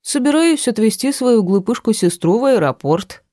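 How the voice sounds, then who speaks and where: A woman voicing a sly, menacing man in an audiobook, drawing his words out slowly and mockingly. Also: a little high, lively intonation, dark tone, dry recording, clean studio sound, voice pushed up. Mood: sly menace. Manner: slow, drawn-out, mocking. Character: sly menacing man, heroine's half-brother. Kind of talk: audiobook character reading.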